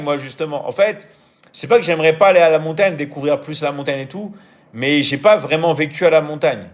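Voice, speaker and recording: A man hosting a casual live stream, answering viewer comments in a hesitant way, with frequent fillers and restarts, and often checking in with his audience. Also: fairly high pitch. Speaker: live-stream host and coach.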